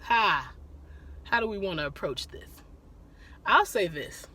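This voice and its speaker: Lady doing a casual live stream, laughs a lot, shouts out viewers as she goes. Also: mid-range voice, expressive, measured pace, husky. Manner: laughs often, greets viewers by name mid-talk.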